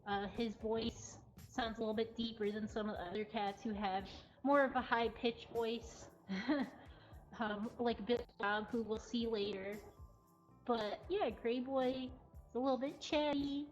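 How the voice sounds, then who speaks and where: A cat cafe host with a highish voice chats casually on a livestream, presenting adoptable cats in unscripted narration. She's giggly and informal, taking her time a little slowly with a steady tone. The audio sounds a bit dull, with faint music playing behind her.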